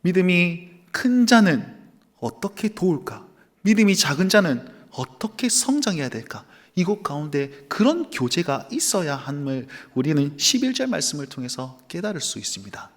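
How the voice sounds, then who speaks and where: A man's voice: fairly high pitch, sing-song, normal speed. A man, a pastor, preaching a sermon in a church and acting out bits of dialogue as he goes. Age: adult with young children. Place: church sanctuary.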